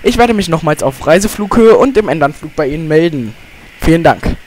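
A man's voice: on the high side, lively intonation, brisk. A man making a formal cabin announcement as an airline pilot from the cockpit, reading it out and stumbling over the flight numbers.

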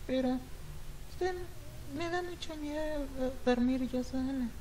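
A woman's voice: slow pace, slight background noise, low-quality recording. A woman putting on a timid little girl's voice. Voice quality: high, soft childlike voice. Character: young girl, timid and pleading. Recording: loud game music behind voice.

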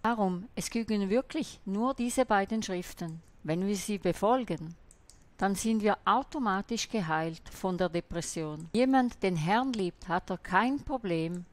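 A woman's voice: medium pitch, a little slow. A woman voicing a sermon in translation, preaching in an emphatic, admonishing way.

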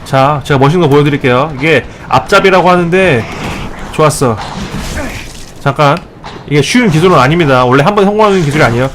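A man hosting a let's play, giving joking step-by-step tips and scolding the enemies he fights, with sudden excited outbursts. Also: on the high side, fast talker, noisy background. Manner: playful mock-tutorial tone, scolding enemies. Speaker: gaming channel host.

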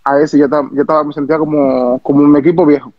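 A former baseball pitcher from the Dominican Republic with a Dominican accent, telling stories in an interview, animated and repeating himself, acting out quotes. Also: male voice, racing, no echo, highs cut off. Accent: Dominican Spanish. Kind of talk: interview storytelling.

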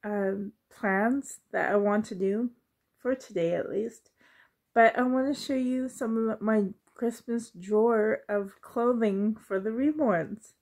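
A middle-aged woman chatting casually as a vlogger into a handheld phone at home, halting and often trailing off mid-thought. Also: a little high, darkish tone. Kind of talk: casual, rambling vlog chat. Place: indoors in a living room at home. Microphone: handheld phone at arm's length.

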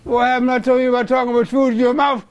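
A man's voice: extremely high pitch, level tone, racing, highs cut off. An actor playing a stubborn middle-aged father who scolds and grumbles at his son. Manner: scolding, repeats calls, shouts the name. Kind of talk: comedy sketch acting.

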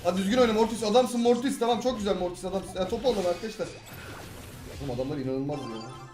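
A young man from Turkey commentating his own gameplay, jumping between loud excited outbursts and low grumbling complaints. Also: fast talker. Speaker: gaming YouTuber. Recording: echoey room with game music.

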